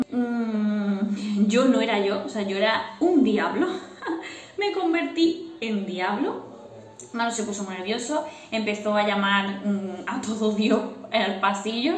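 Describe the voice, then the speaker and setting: A woman in her thirties telling a personal story to her viewers in a casual, animated way, laughing as she goes. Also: medium pitch, distant mic. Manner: animated, laughing while recounting. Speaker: vlogger. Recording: echoey room.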